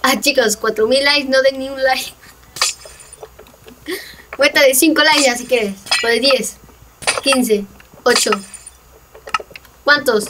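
This young Peruvian gamer, a gaming channel host, speaks slowly in a sharp, high-pitched voice and pauses often. The casual gameplay chat is playful and teasing, full of laughter. A noisy, distant mic captures it.

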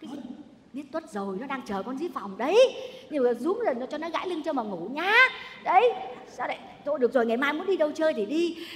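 A woman's voice: fairly bright tone, a little hiss or hum. An actress playing a domineering, wealthy old mother-in-law who scolds and wails theatrically on a stage. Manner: shrill, theatrical scolding and wailing. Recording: stage recording with long hall reverb.

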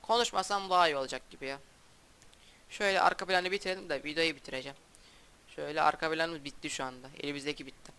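A young man chats over his gameplay in a halting, stop-start way, restarting words and trailing off. His voice sits a little high and sounds bright and very clean. The delivery stays flat and subdued throughout. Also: smooth. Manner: halting, stumbling speech with restarts. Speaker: gaming YouTuber. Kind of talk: casual gameplay commentary.

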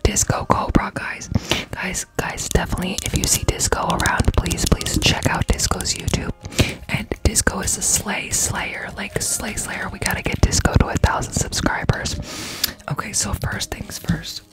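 A woman speaks in a soft, breathy whisper as she performs an ear cleaning ASMR whispered role-play. She is chatty and affectionate, dropping informal asides to her live viewers and often repeating short phrases. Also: mid-range voice, fairly even intonation, moderate pace. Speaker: ASMR live streamer and host.

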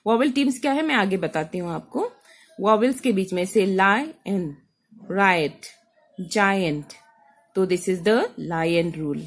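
A woman's voice: medium pitch, animated, slow pace. A woman teaching a phonics lesson. She spells words out letter by letter, mixes English terms into Hindi, and checks in with "okay?".

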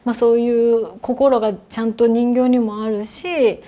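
A young adult woman telling a ghost story in conversation, her voice soft and hushed, at times sinking to near whispers. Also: fairly high pitch, steady tone, normal speed. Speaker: guest storyteller.

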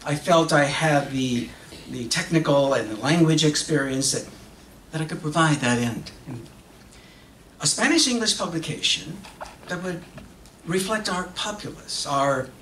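In an earnest, proud mood, a man reads a stage monologue as an earnest magazine publisher, mixing Spanish with English. His voice is a little high and fairly bright, and he speaks deliberately and haltingly in short, pause-filled phrases. A distant camera recorded the lectern's stand mic in the auditorium, so it sounds far away and echoey, with background noise.

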